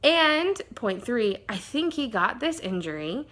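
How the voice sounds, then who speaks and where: A woman vlogger chats straight to camera in a relaxed, rambling way and keeps wandering off on side tracks. Her voice sits a little high, and her tone is bright and clear. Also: unhurried. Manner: chatty, rambling, sidetracked. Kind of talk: casual chat to camera.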